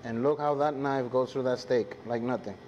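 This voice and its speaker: Hosting a live cooking class, a man from the Dominican Republic speaks casually to viewers and crew in his Dominican-accented Spanish, his native language. His medium-pitched, darkish voice keeps a fairly even intonation at normal speed. The recording is muffled, yet the sizzling and kitchen noise are clear.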